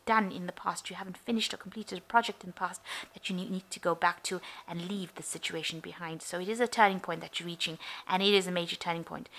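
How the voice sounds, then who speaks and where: A woman's voice: mid-range voice, fairly bright tone. A woman giving an unscripted, mystical tarot horoscope reading, advising the listener directly like a fortune-teller. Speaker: tarot reader.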